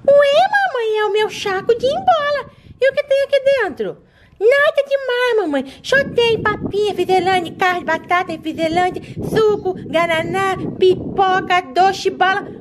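A woman's voice: very high-pitched, lively intonation, measured pace, background noise. A woman doing a sassy, jealous baby-girl doll. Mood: cheeky. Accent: Brazilian Portuguese. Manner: sassy, teasing, babyish. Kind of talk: toy doll play video.

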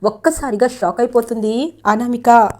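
Higher-voiced woman retelling a story. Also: normal speed, mellow. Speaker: storyteller recapping a serial. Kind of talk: casual storytelling recap.

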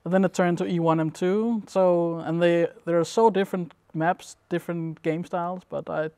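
Smooth-voiced young Danish-born man. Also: a little high, normal speed, no room sound, studio quality. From Denmark. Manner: relaxed, rambling with many fillers. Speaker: interviewee, competitive gamer. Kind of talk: casual interview answers. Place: dim indoor room at a gaming event.

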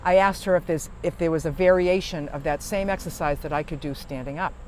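Guy talking from his van at a rest stop, kinda high voice, rambly, faint traffic hum behind. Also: a little fast, a little mellow, poor audio. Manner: rambling, chatty, many fillers and restarts. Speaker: van-life vlogger. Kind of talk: casual chat to camera.

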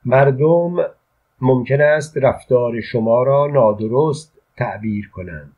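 Male reader as a careful court physician, quiet and husky. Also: medium pitch, phone-quality sound, natural voice. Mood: guarded. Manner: soft, guarded. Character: royal physician, cautious and restrained.

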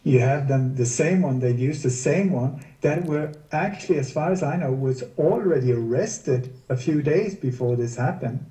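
Dark, distant man in casual interview. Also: mid-range voice, moderate pace, hardly any pauses. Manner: sarcastic rhetorical questions. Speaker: guest researcher. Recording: distant roomy mic.

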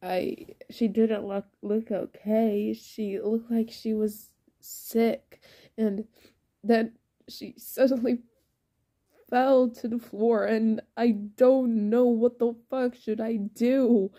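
A frantic young man who stammers and trips over his words, swearing under his breath, as a woman puts him on. His voice sits low and mellow, and he drags his words out slowly. It sounds like an amateur audio drama. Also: flat delivery. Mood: panicked. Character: young male character, panicked and stammering.

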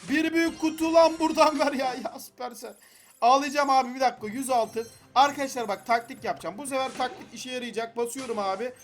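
High-pitched excitable young man gaming. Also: fast talker. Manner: frustrated, pleading, swearing at the game. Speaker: gaming YouTuber. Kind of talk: excited gameplay commentary.

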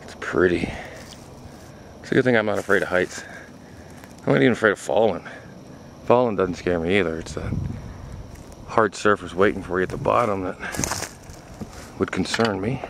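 A man's voice: deep voice, moderate pace, gravelly, pauses often. A middle-aged man filming himself on a hike, talking casually and rambling to the camera as he walks on an open mountain top. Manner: relaxed, rambling, talks to camera while walking. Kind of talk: casual spoken hiking commentary. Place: outdoors on a windy mountain top. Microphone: handheld camera mic. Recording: loud wind noise on camera mic.

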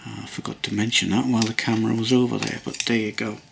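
A man's voice: on the low side, little pitch movement, fast, gravelly, noisy background. A man casually narrating a model-building tutorial at his workbench, rambling and hesitant with many ums and restarts. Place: hobby workbench indoors.

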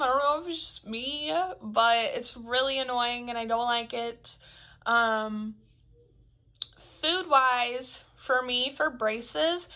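A woman's voice: sits high, pushed and bright. A young woman vlogger chatting casually to camera, her speech a little altered by braces and a palate expander, rambling with lots of fillers.

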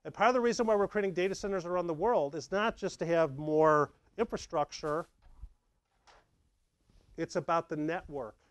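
Here a chatty middle-aged tech presenter with a slightly high voice keeps a moderate pace, lively and conversational, acting out examples. He's presenting slides at a meetup in a dark meeting room with a projector, and the sound is dry with no room sound.

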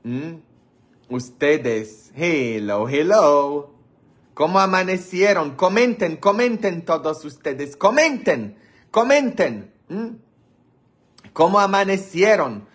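A priest, chatting playfully with viewers on a livestream, teasing them and laughing often. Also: male voice, a little high, very animated, slow pace, slightly rough. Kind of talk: joking livestream chat with viewers.

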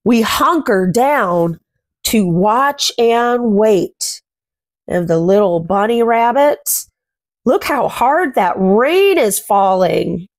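In a small room at home, a young woman who hosts children's read-alouds shares a picture book with little ones, using sing-song phrasing and talking about the story along the way. Her expressive voice sits on the high side and goes slowly, on a dry, clean studio recording.

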